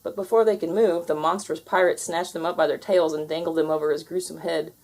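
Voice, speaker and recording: A woman with a slightly low voice narrates a children's storybook. She reads aloud expressively as a storyteller. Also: steady tone, brisk, a little mellow.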